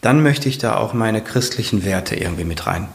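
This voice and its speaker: A man's voice: lowish voice, expressive, moderate pace. A man in his fifties, a firefighter and author, telling his story in a casual interview, earnest and rambling with many fillers and restarts.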